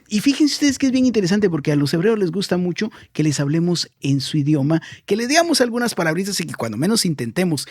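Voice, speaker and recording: A male radio host with a slightly raised pitch talks in a loose, conversational way, stopping for fillers and correcting himself mid-sentence. His studio microphone picks him up close with a dry, dead sound. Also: darkish tone, no room sound. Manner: chatty and meandering, many fillers and self-corrections. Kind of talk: casual radio talk about travel.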